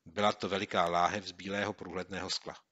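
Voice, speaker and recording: A man reading a children's book aloud as a narrator, with steady storytelling delivery. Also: sits low, highs cut off. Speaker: audiobook narrator. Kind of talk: scripted narration.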